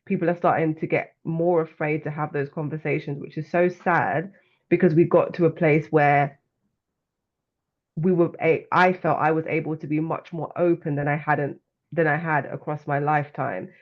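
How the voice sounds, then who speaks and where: London woman, earnest and measured. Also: sits low, steady tone, lo-fi sound. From London, England. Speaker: guest, author and coach. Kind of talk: conversational interview.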